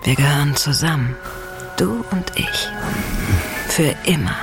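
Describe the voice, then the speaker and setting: An actress playing a controlling, seductive woman in power in an audio drama, commanding and coaxing in a deliberate way. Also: low-pitched, animated. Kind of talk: German audio drama acting. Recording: music behind the voice.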